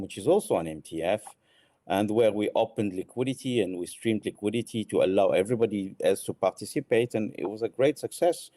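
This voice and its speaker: Low, mellow-voiced man from Morocco. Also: no room sound. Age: middle-aged. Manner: thoughtful, halting with many restarts. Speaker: guest, art exchange founder. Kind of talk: interview answers.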